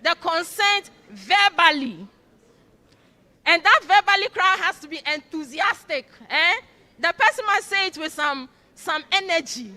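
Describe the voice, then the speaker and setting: A woman's voice: extremely high pitch, lively intonation, a little slow, sharp tone. A woman giving an orientation lecture, quizzing her audience with fill-in prompts. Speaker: orientation speaker. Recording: long hall reverb.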